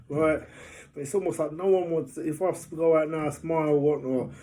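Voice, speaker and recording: A man's voice: a little high, fairly even intonation, fairly quick, warm tone. A man talking casually to camera as a vlogger, upbeat and jokey, rambling with plenty of fillers. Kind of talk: casual vlog monologue.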